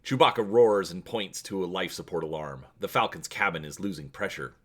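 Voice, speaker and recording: With a deep voice and brisk pace, the host and narrator of a story channel reads an adventure aloud in a dramatic storytelling style.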